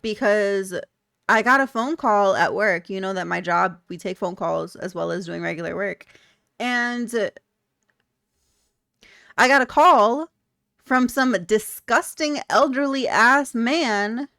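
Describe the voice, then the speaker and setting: A woman's voice: fairly high pitch, takes it slowly, vocal fry, fairly bright tone, no echo, studio quality. A young woman streaming live, chatting candidly with her viewers, blunt and laughing often. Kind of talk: casual chat reading viewer comments.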